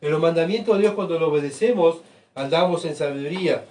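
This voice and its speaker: A man preaching a sermon, asking rhetorical questions and swinging between soft asides and loud emphatic bursts. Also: on the high side, quick pace. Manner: rhetorical questions, keeps asking the congregation "¿verdad?". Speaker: pastor. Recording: voice picked up from far off.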